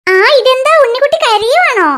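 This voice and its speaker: A woman's voice: extremely high pitch, animated, a little fast, fairly bright tone. A woman doing a chatty, gossipy cartoon mom. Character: chatty neighbor mother, talkative and fussy. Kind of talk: cartoon voice acting.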